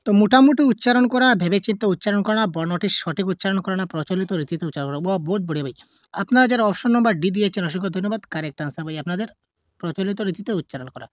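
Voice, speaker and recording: A woman's voice: medium pitch, no echo, muffled recording. A woman teaching an online exam-prep lesson, reading multiple-choice questions aloud, drawing out the options and answering them herself. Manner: asks questions and answers them herself, mixes in English terms; drawls options slowly, then gives answers quickly.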